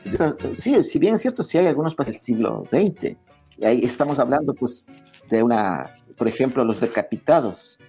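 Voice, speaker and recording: A man's voice: mid-range voice, lively intonation, normal speed, mellow. A man, a guest explaining music history in a lecturing way, often checking in with "¿ya?". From Ecuador. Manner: lecturing, frequent "¿ya?" checks, many restarts. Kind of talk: explanatory interview talk.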